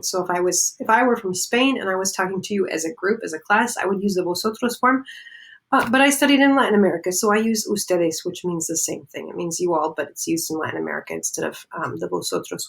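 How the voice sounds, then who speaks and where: Female teacher, mid-pitched with a touch of fry, patient step-by-step classroom explainer. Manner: many fillers, explains step by step. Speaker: Spanish teacher. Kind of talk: classroom lecture.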